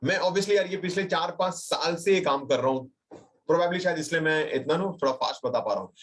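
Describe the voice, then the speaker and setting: Young Indian man, somewhat high voice, leading a casual webinar tutorial, reassuring and chatty. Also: brisk. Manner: chatty Hinglish, mixing English phrases, fillers and checks like "right?"; reassuring, addresses viewers directly and reads chat replies aloud. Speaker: digital marketing trainer. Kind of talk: live webinar screen-share tutorial. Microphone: computer mic on a webinar call.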